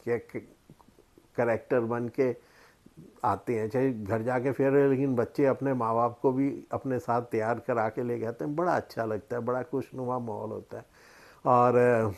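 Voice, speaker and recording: A middle-aged man from Punjab chatting as a vlogger, explaining things in an unhurried storytelling way with many pauses. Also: medium pitch, fairly even intonation, creaky. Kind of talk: casual explanatory chat.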